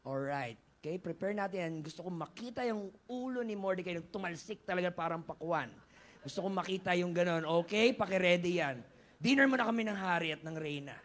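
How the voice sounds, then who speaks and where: A preacher acting out a smug, scheming male royal official who gloats in a low, hushed voice. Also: animated, a little fast. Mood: gloating.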